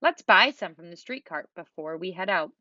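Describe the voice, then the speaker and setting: A woman's voice: fairly low pitch, expressive, normal speed, dry recording. A woman voicing Santa Claus as a jolly older man and kindly guide, explaining places cheerfully in a dull, dry, lo-fi recording. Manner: warm, explaining, gently cheerful.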